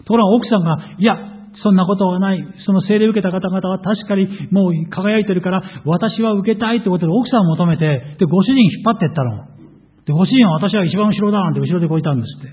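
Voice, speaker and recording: A man preaching as a pastor, telling his testimony in an animated storytelling way. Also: sits high, quick pace, husky. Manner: animated storytelling, voices quoted people. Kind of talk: sermon testimony. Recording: tinny phone-like audio.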